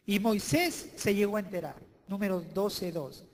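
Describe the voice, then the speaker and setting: A male pastor preaching a sermon in a church, emphatic and swinging between loud declarations and hushed asides. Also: high voice, a little slow, a little hiss or hum.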